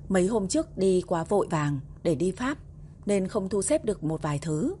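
A woman's voice: mid-range voice, animated, normal speed, mellow, a little hiss or hum, natural voice. A woman reading a teasing young wife. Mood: tender. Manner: playful, teasing.

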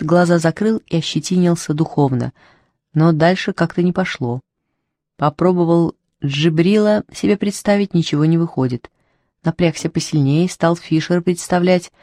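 A narrator reading a fairy tale in a wry, unhurried way, lightly voicing the characters. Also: medium pitch, a little mellow, no room sound, studio quality. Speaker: audiobook narrator. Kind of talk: storybook narration.

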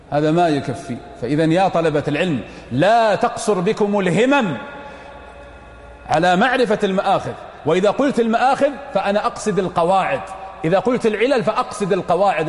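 Emphatic Saudi sheikh in an echoing mosque. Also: male voice, sits high, darkish tone. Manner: emphatic, repeats phrases for stress, addresses students directly. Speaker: Islamic scholar teaching jurisprudence. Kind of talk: mosque lecture. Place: large mosque hall. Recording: reverberant mosque hall.

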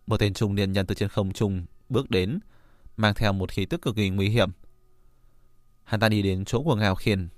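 Guy reading a fantasy audiobook, steady low voice, dry close mic. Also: dry recording. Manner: steady storytelling read. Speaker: audiobook narrator. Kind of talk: scripted narration.

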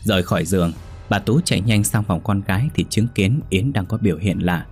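A man narrating a ghost story in a calm, measured way. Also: lowish voice. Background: faint music.

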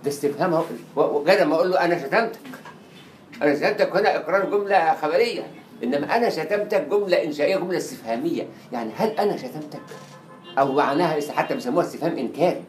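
A man with an Egyptian Arabic accent giving a lecture on Arabic writing. He is animated, acts out quoted dialogue and repeats words to drill pronunciation. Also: on the high side, racing, soft background music. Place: lecture hall. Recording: echoey lecture room with faint hiss.

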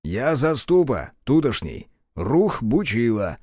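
A man's voice: medium pitch, huge pitch swings, takes it slowly, a little mellow, dry recording, clean studio sound, exaggerated voice. A man playing a crude, bossy guardian who talks in a sarcastic, coarse way. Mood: gruff. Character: crude sardonic male guardian, bossy and mocking.

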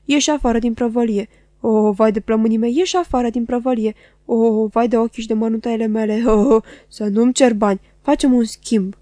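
A woman's voice: mid-range voice, flat delivery, warm tone, no room sound, natural voice. A woman voicing a ragged old male junk dealer who groans and wails in a rising and falling singsong. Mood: shouting.

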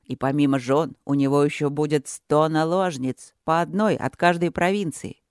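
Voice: medium pitch, fairly even intonation, normal speed, no echo, studio quality, lightly acted. A reader voicing an arrogant, curt young novice in an audiobook, speaking with scorn. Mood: scornful. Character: haughty, curt young novice monk, man. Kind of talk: audiobook character voice.

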